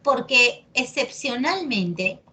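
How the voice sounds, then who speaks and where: A woman with a Peruvian accent gives a lesson at an unhurried pace. She is patient and repeats key words slowly for emphasis. She often stops to check that her listeners follow. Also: a little high, lively intonation, pushed and bright. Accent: Peruvian Spanish. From Peru. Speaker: pre-university Spanish teacher. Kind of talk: classroom lesson on accent marks.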